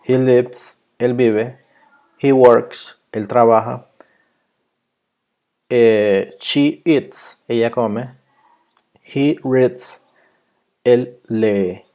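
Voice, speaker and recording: Man, teacher, grammar lesson, very slow, patient, repeats examples. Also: mid-range voice, fairly even intonation, muffled recording. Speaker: English teacher. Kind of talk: grammar lesson explained in Spanish.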